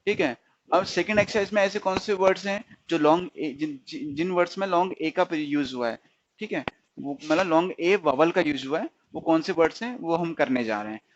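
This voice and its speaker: A man teaching a stenography lesson, asking his students questions and answering them himself, repeating each sound slowly. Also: on the high side, expressive, highs cut off, a little hiss or hum. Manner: slips into English definitions. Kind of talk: recorded shorthand lesson.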